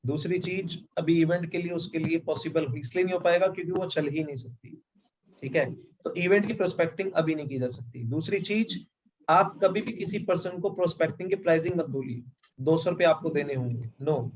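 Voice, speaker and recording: A man with a high-pitched voice leads an online sales training over a video call. He breaks points into numbered steps and keeps checking that his listeners follow. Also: brisk, slight background noise, poor audio. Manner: explains step by step, mixes English into Hindi, asks "right or wrong?". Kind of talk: live online training session.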